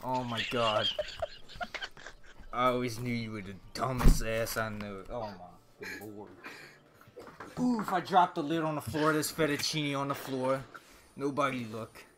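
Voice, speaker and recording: A man's voice: mid-range voice, unhurried, pauses often. Crude joking male streamer. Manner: crude, joking, talks while eating. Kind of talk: casual voice chat while gaming. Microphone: desk microphone. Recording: noisy home stream mic.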